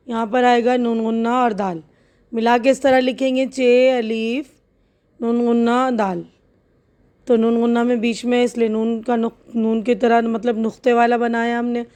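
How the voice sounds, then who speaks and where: A woman teacher walks through a lesson step by step, spelling each letter out slowly and with patience. Her voice is fairly high but soft and mellow. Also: level tone. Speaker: Urdu teacher. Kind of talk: slow step-by-step lesson explanation.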